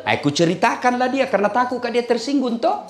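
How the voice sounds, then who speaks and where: Animated jokey preacher, Makassar accent. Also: male voice, extremely high pitch, quick pace, echoey room. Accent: Makassar Indonesian. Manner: animated, jokey, often laughing while preaching. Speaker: Islamic preacher. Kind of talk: humorous sermon.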